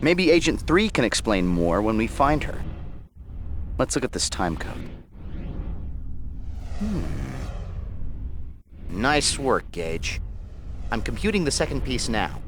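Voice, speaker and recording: An actor voicing a hammy, wisecracking artificial intelligence sidekick in a comic video game, jokey and theatrical. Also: male voice, medium pitch, sing-song, slow, long pauses, background noise. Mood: dry, teasing. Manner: jokey, theatrical, swooping delivery.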